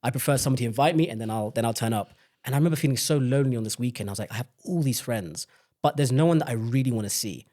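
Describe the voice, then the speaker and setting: With a dark tone and a racing pace, a young UK man of medium pitch opens up as a podcast guest. He tells reflective personal stories in candid conversation and restarts his thoughts many times.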